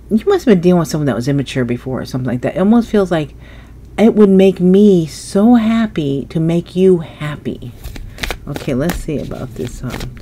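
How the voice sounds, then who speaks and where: Speaking in a fairly low, mellow voice with slight noise behind her, a tarot reader whose nose is stuffed up muses aloud over a relaxed reading. She turns cards at an indoor table, and only her hands appear on camera.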